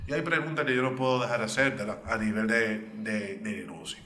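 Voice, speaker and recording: Anfitrión de pódcast, hombre, que entrevista en tono de charla con voz clara y brillante. La grabación suena con eco, en una sala resonante. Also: male voice, fairly low pitch, a little fast, sharp tone, slight background noise. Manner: conversational, asks questions directly. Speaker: podcast host. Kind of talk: casual interview chat. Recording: echoey room.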